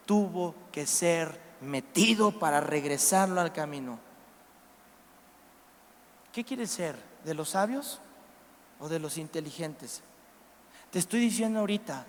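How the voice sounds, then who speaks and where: A Mexican man preaching a sermon in church, animated, acting out biblical figures and putting questions to the congregation. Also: high-pitched. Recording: live church recording with long reverb.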